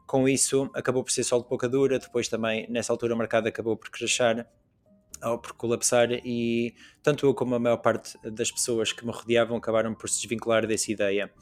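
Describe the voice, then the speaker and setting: Flat-voiced Portuguese man, hesitant. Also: medium pitch, brisk, faint music behind. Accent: European Portuguese. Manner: hesitant, many fillers and restarts. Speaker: podcast guest. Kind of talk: casual conversation.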